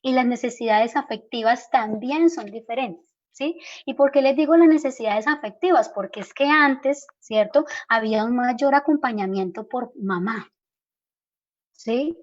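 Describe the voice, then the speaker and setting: A woman's voice: on the high side, unhurried, muffled recording. A Colombian woman school counselor giving an earnest parenting workshop talk, often checking in with her listeners. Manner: earnest, keeps asking "¿sí?" to check in.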